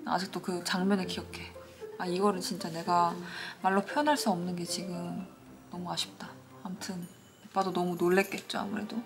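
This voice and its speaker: A woman's voice: on the low side, fairly quick, creaky. A young woman in her twenties, a beauty vlogger, talking casually through a makeup tutorial and telling a story along the way. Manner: chatty, animated when storytelling, soft asides. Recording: faint music behind.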